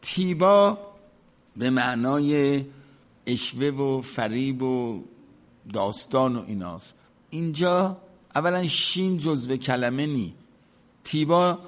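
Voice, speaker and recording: A man giving an explanatory lecture on a poem, reciting verses slowly and then explaining each word in casual speech. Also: medium pitch. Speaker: teacher of classical poetry.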